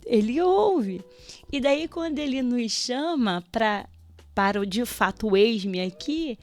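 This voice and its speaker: Radio guest, female, higher register; lively testimonial storyteller who acts out dialogue, light music bed. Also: a little slow. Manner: animated storytelling, acts out prayers and dialogue, laughs often. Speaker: radio show guest, teacher. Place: radio studio.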